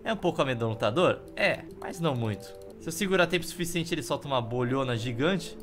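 A man's voice: medium pitch, lively intonation, fast. A Brazilian man casually commentating a video game as he plays, with wry, offhand humour. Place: indoor room. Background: game music.

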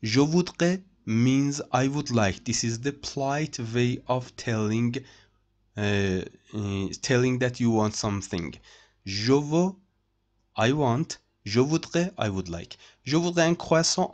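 Male French tutor, unhurried, mid-pitched, repeats and translates, typing heard. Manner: slow, repeats each phrase and translates it. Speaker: French teacher. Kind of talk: screen-share language lesson.

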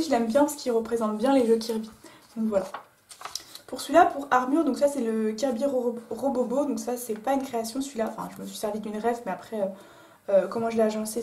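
A woman artist talking casually about her drawings, with many fillers and pauses. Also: a little high, mellow. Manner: chatty, many fillers like euh and voilà. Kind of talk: casual chat. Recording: echoey room.

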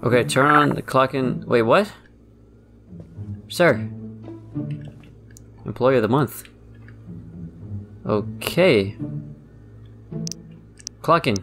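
A man's voice: medium pitch, animated, very slow, pauses often, music in the background. A man giving frantic let's play commentary, talking to his viewers and repeating words under pressure. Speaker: gaming YouTuber.

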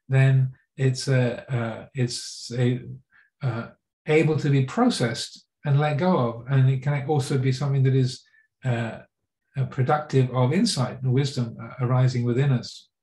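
A man in his sixties with an English accent, a Buddhist monk giving a dharma talk, halting with many fillers and restarts. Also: medium pitch. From England. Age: 60s. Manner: halting, many fillers and restarts, gentle self-mocking laughs. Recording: roomy echo.

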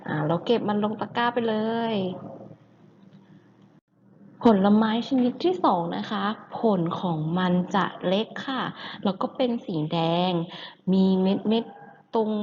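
A woman's voice: medium pitch, a little mellow, lo-fi sound, a little hiss or hum. A woman teacher leading a children's language lesson, coaxing and sing-song, asking the class questions and having them repeat words.

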